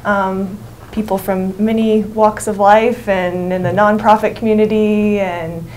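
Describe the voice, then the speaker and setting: A young woman co-leading a workshop, explaining informally to a group in halting, trailing phrases. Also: mid-range voice, little pitch movement, darkish tone, a little hiss or hum, poor audio. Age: young adult. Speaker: workshop co-facilitator.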